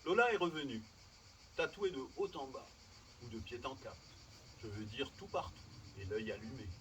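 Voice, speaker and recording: A man's voice: medium pitch, lively intonation, normal speed, a bit bright, a little hiss or hum. Man giving a public reading. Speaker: reader. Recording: distant mic, faint outdoor ambience.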